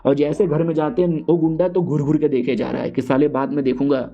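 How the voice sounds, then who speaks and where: A man's voice: a little high, steady tone, a little fast, creaky, warm tone, muffled recording. A man narrating a comic recap in a casual, slangy, joking storytelling way.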